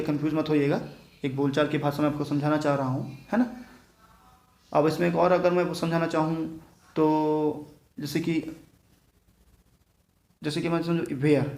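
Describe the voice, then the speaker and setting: A man's voice: a little high, vocal fry, a little mellow. A man from Chhattisgarh teaching a grammar lesson, explaining patiently and checking often that his students follow. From Chhattisgarh, India. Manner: explains patiently, keeps adding tag questions to check understanding. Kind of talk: classroom grammar lecture. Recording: echoey room.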